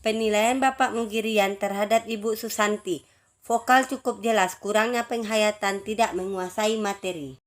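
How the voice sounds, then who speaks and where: A woman announcing a writing contest's results, reading out judges' feedback in measured, list-like phrases with small restarts. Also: medium pitch, steady tone.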